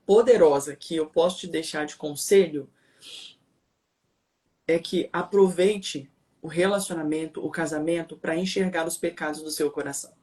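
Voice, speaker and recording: A woman's voice: sits low, normal speed, mellow. Emphatic preachy Brazilian woman. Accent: Brazilian Portuguese. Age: adult, married. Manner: preachy, emphatic, fires rhetorical questions. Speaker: co-host.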